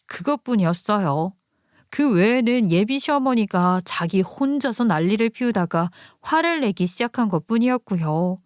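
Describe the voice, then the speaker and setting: A woman's voice: mid-range voice, a little mellow, no echo, studio quality. Woman narrating a story to listeners. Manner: addresses listeners directly, indignant storytelling. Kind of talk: first-person story radio narration.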